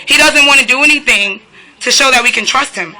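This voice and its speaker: High-voiced and brisk, the woman sounds pushed and bright as she films a police standoff from within her apartment. Her self-recorded live commentary is an agitated protest full of rhetorical questions, and at times she speaks straight to the officers.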